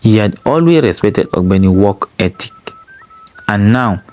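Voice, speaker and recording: A storyteller man narrating an emotional tale in a slow, dramatic reading style. His voice sits on the low side. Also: animated, a little mellow, poor audio.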